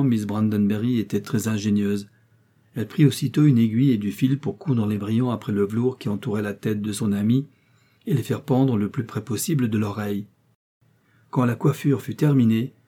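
A man reading a classic novel aloud in measured audiobook narration. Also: medium pitch, mellow, slightly rough. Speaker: audiobook reader.

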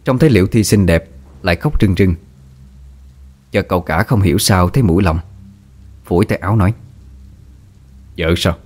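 A man telling a ghost story in measured, even scripted narration. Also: deep voice, breathy edge.

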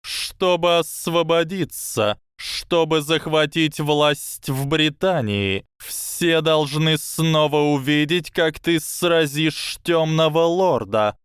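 A man's voice: fairly high pitch, slow, hardly any pauses, fairly bright tone, smooth, no echo, studio quality, pitched above the performer's own voice. Man voicing a sardonic hissing snake. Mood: scheming. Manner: hissing, mocking, instructive. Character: sardonic scheming male snake.

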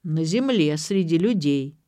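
A woman voicing a drunk, befuddled middle-aged father who talks loudly and rambles in confusion, in a storybook reading. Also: deep voice, animated, a little slow, no echo. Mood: muddled.

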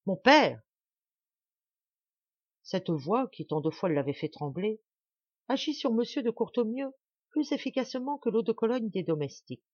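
A woman narrating a classic novel as an audiobook in a measured, expressive reading. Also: a little high, breathy edge, no room sound, lo-fi sound. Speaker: audiobook reader.

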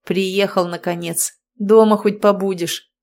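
A woman's voice: mid-range voice, steady tone, a little slow, a little mellow, lightly acted. A woman voicing an easygoing middle-aged father who mumbles mildly in a storybook reading. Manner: mumbling, mild.

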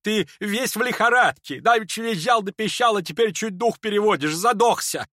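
A man's voice: sits high, normal speed, pushed and bright, no room sound, clean studio sound, pitched above the performer's own voice. A man reading an audiobook and voicing a hot-tempered older woman who scolds shrilly and indignantly. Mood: frightened scolding.

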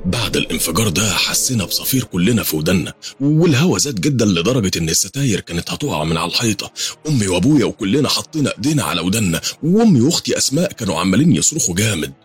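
Deep husky Egyptian man, fast and lively. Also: no echo, faint music behind. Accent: Egyptian Arabic. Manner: tense, dramatic telling. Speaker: narrator. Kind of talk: first-person horror story narration.

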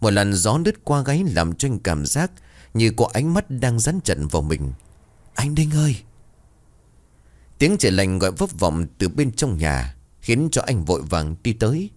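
A man's voice: lowish voice, big pitch swings, moderate pace, darkish tone. A man narrating a ghost story in a dramatic, suspenseful way.

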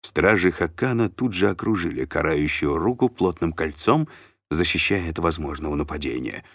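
A male narrator reads an adventure story with expressive delivery. His voice is very low but moves with lively, animated intonation. The recording is dry and close, with no room echo. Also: moderate pace. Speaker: audiobook narrator. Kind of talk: scripted narration.

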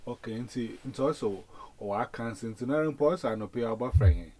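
Halting, rambling man on a call. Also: mid-range voice, darkish tone. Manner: rambling, halting, repeats words. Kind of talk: casual phone call.

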